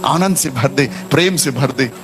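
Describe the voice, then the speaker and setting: A man's voice: mid-range voice, normal speed. A man preaching a sermon to a congregation, telling a story and having the crowd repeat phrases after him. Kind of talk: sermon with storytelling and call-and-response.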